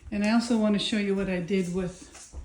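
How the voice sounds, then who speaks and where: Here the middle-aged vlogger has a medium-pitched, slightly dark voice, fairly even in intonation and a little quick. Her casual video diary for her father covers ordinary chores, first outdoors in a garden, then indoors at home, told plainly and folksily over clear background ambience.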